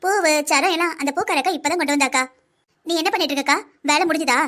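A woman's voice: sits high, fast, bright, forceful tone. A woman voicing an eager, helpful young sister-in-law in a cartoon, chatty and willing.

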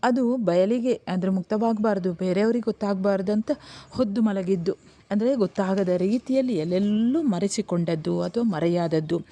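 A woman's voice: mid-range voice, normal speed, warm tone. A middle-aged woman teacher explaining a poem in a lecture, repeating and rephrasing her points.

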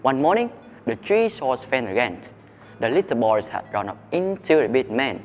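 Expressive male storyteller. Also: mid-range voice, moderate pace, big-room sound, faint music behind. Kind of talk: storytelling narration.

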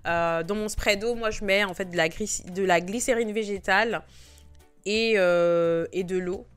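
A woman's voice: medium pitch, fairly even intonation, a little slow, clear, resonant tone, soft background music. A woman, chatting casually about hair products, often stumbling over words and restarting. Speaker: beauty vlogger.

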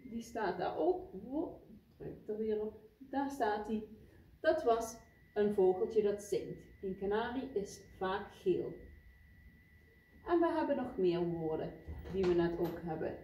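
Woman teacher, slow patient explaining, mellow voice, echoey classroom from far off. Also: a little high. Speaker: primary school teacher. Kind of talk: vocabulary lesson for young pupils.

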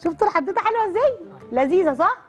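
A woman with an Egyptian accent hosting a children's TV show, telling a story in an animated, coaxing way and quizzing the kids. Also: extremely high pitch, racing, faint music behind. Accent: Egyptian Arabic. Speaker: children's TV host. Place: TV studio.

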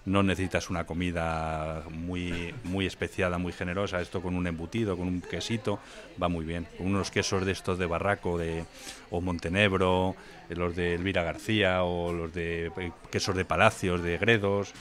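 A man with a low, slightly bright voice and little pitch movement speaks at normal speed as a wine expert guest in a casual interview at an indoor wine venue. He describes a wine knowledgeably but rambles, with many fillers and restarts.

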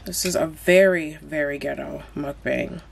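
A young woman with a low, gravelly voice takes her time as she eats and chats for a mukbang vlog at home. She's blunt and heavy on slang, and there's slight background noise.

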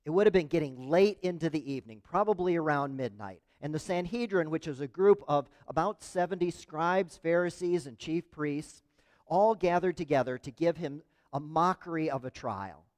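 Pastor with a higher voice in a reverberant hall. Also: male voice, normal speed, darkish tone. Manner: storytelling, asks the congregation questions. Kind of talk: sermon. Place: church sanctuary.

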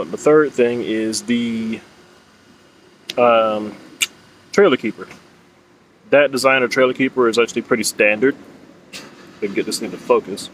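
Standing beneath leafy trees, a man in his thirties who runs a fishing vlog walks the camera through a product in a plain, informal, instructive way. His pitch is medium and the recording rough, with clear, steady outdoor noise behind him.

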